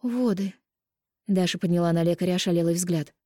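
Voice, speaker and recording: A woman narrates a novel in a steady, measured reading voice. Her tone is low and warm, and the recording is dry and close with no room sound. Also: no echo. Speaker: audiobook narrator. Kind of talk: scripted narration.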